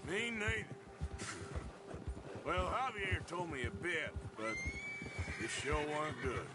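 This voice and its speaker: Slow-talking rugged American outlaw. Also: male voice, a little high, sing-song, very noisy. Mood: reflective, uneasy. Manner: laconic, unhurried, folksy. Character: rugged male outlaw, plain-spoken, hesitant hunting novice. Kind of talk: naturalistic video game acting. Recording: game dialogue with outdoor ambience, horses.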